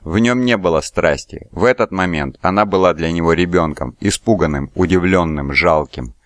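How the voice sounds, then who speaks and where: Very deep-voiced male audiobook narrator. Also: no room sound, clean studio sound. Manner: steady, measured reading. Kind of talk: scripted narration.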